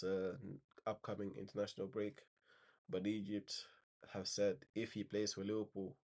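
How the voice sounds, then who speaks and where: A man with a fairly low, somewhat dark voice runs through football news casually, sounding a bit nasal from a slight cold. His spoken roundup rambles, with plenty of fillers and restarts.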